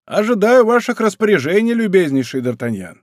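A man's voice: high-pitched, big pitch swings, a little fast, no room sound, studio quality, pitched above the performer's own voice. A man voicing a sly, timid, middle-aged fortress commandant who complains in a plaintive, wheedling way.

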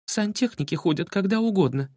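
A woman's voice: medium pitch, expressive, a little fast, warm tone, no echo, studio quality, voice pushed up, lightly acted. A man voicing a clever, bookish girl who explains things precisely. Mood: objecting.

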